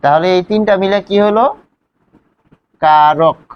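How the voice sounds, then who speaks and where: A man's voice: sits high, takes it slowly, dull audio. A man teaching a grammar lesson, explaining step by step and asking his students questions as he goes. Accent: Bangladeshi Bengali.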